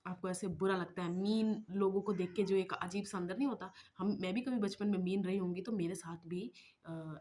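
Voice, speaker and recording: A woman's voice: medium pitch, darkish tone, slight background noise. Chatty woman vlogging. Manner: chatty, mixes English words into Hindi, many fillers. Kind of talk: casual talking-head vlog.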